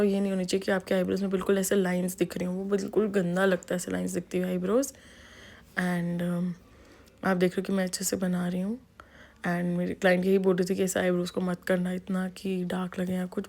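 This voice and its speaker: A woman's voice: on the low side, little pitch movement, fairly quick, creaky, a little mellow. A woman with an Indian accent giving a makeup tutorial voice-over, switching freely between Hindi and English with frequent ums and restarts. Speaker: makeup artist.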